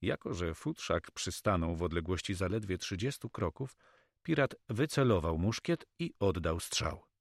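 A man narrating an adventure story as an audiobook reader, with steady storytelling delivery. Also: low voice, normal speed, creaky, no echo, studio quality.

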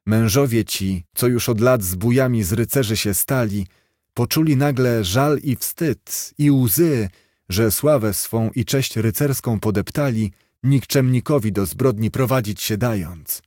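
A man's voice: medium pitch, unhurried, darkish tone, no room sound, studio quality. Man reading an old-style tale solemnly. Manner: solemn, archaic storytelling. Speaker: narrator. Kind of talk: storybook reading.

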